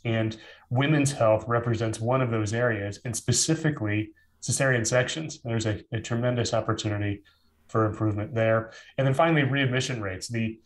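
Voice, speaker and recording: Measured male webinar presenter. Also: medium pitch, rough recording. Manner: measured, explanatory with restarts.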